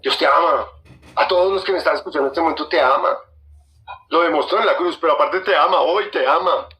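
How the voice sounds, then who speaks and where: A man's voice: a little high, fast, bright, forceful tone, poor audio. A man preaching a sermon as a guest preacher, emphatic and repetitive, speaking straight to his listeners. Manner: emphatic, repeats phrases, addresses listeners directly.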